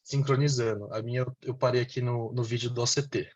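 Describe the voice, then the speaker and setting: A man with a Brazilian Portuguese accent presenting a clinical case over a video call, talking hesitantly with many restarts while his audio comes through a choppy, low-quality online stream. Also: steady tone, quick pace, darkish tone, highs cut off. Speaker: case presenter at a medical meeting.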